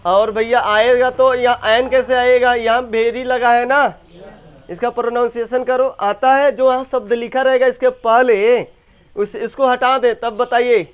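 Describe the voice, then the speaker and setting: A young man teaches English grammar. His voice sits very high, clean and smooth. He talks slowly and keeps quizzing his students with repeated questions. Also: fairly even intonation. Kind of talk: classroom lesson.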